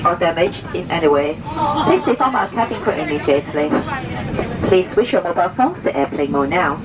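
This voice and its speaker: Woman on a cabin loudspeaker. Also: on the low side, expressive, over a noisy crowd. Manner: formal, scripted, measured. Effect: cabin loudspeaker announcement. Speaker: flight attendant. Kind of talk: reading in-flight announcements. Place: aircraft cabin. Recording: distant muffled PA with loud engine noise.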